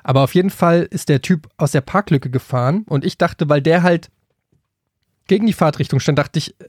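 A man from Frankfurt tells a story on a podcast, his voice sitting a little high for a man. He rambles and restarts, then gets heated. The sound is close and dry, with no room in it. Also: fairly quick, darkish tone, no echo. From Frankfurt, Germany. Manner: rambling, with many restarts and hesitations, getting worked up as the story builds. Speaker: podcast co-host. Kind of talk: casual storytelling chat.

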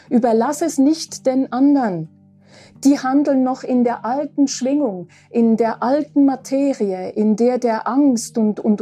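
A woman of nearly sixty, hosting a spiritual podcast, talking slowly and reflectively and often checking in with a soft "ja?". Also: on the high side, breathy edge. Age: 50s. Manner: slow, reflective, with frequent asking "ja?". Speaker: podcast host.

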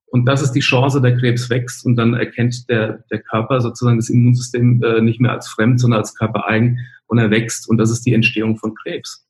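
A man's voice: medium pitch, level tone, a little fast, hardly any pauses, a little mellow. A man speaking as an interview guest in casual conversation, telling stories and explaining while restarting his sentences. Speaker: interview guest, nutrition scientist.

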